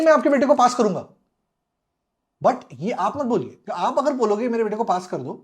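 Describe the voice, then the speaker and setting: A middle-aged man with a fairly high voice spins a lively anecdote as a podcast guest. He slips between Hindi and English and mimics the people in his story. He chuckles as he goes. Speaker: podcast guest, former air force officer.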